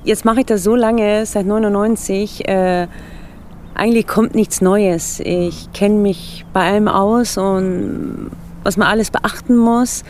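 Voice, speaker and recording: A middle-aged relocation consultant from Sweden answers radio interview questions in German with a Swedish accent, hesitating, using many fillers and making small grammar slips. Her mid-range voice is steady and a little mellow, and she takes her time. There's slight background noise.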